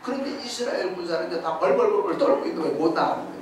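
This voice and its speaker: A man's voice: high-pitched, lively intonation, racing. A middle-aged man preaching a sermon, telling a story and firing questions at the congregation. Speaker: pastor. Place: church sanctuary. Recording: echoey hall, distant mic, faint hiss.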